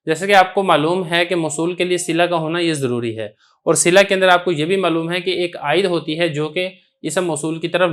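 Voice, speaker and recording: A man's voice: fairly high pitch, fairly bright tone. A man with an Urdu accent teaching Arabic grammar, explaining a text step by step and reciting Arabic examples.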